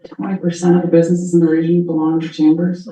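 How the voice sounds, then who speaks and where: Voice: medium pitch, level tone, fast, dark tone. A board member adding a matter-of-fact point during a meeting discussion. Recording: echoey meeting room.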